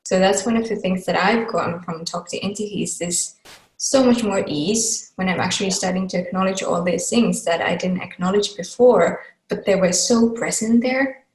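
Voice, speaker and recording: A woman's voice: mid-range voice, moderate pace, darkish tone. A woman from Finland hosting a casual online talk, chatty and loose, with many fillers and laughs. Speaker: host. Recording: echoey room sound.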